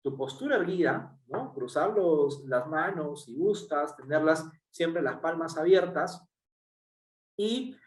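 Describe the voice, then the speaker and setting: This is a workshop lecture from a man whose voice sits on the high side and carries a Peruvian Spanish accent. He talks slowly and expressively, explaining one step at a time with plenty of fillers and tag questions. A far-off microphone picks up a lot of room sound.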